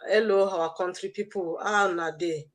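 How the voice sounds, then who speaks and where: A woman with a Nigerian accent and a lowish, steady voice hosts a motivational livestream at a normal pace. As an online business mentor, she exhorts her listeners and repeats her phrases.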